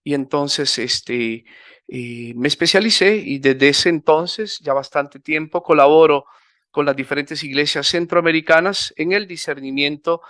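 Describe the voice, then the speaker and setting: A man's voice: fairly high pitch, a little slow, fairly bright tone, no room sound, studio quality. A man, a Capuchin friar and priest, answering as a guest in a careful, formal manner with some hesitations. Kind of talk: conversational interview answers.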